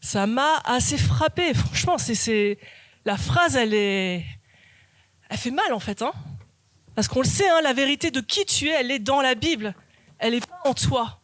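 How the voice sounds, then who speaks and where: Woman pastor, high-voiced, emphatic sermon delivery, dry close sound. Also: animated, normal speed, no room sound. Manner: earnest, emphatic, repeats key phrases. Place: church.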